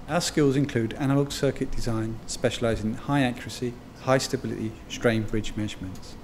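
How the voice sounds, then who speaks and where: Man, measured corporate voice-over read, mid pitch, noisy backdrop. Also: darkish tone. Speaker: company narrator.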